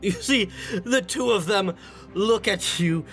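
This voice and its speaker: A man's voice: high voice, lively intonation, slow, a bit bright. A man narrating a tabletop game as game master, setting scenes dramatically. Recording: music behind the voice.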